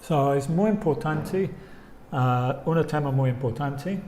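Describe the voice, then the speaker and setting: Slow-speaking man teaching English in Spanish. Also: on the high side, darkish tone, roomy sound, a little hiss or hum. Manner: demonstrates rising and falling intonation by repeating example phrases. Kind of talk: online language lesson.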